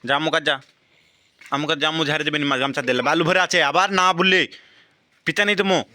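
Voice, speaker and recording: A woman's voice: low voice, fairly even intonation, fairly quick, bright, forceful tone. A young woman, talking with her toddler outdoors in a singsong, coaxing voice. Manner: coaxing, singsong baby talk. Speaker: parent. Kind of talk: casual family chat with a toddler. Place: outdoors in a yard.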